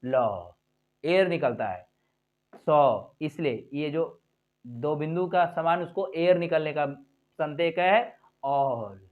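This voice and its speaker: A man teaching English pronunciation in a video lesson, repeating vowel sounds and words slowly for learners to copy, asking questions and answering them himself. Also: fairly high pitch, phone-quality sound. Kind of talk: phonics lesson to camera.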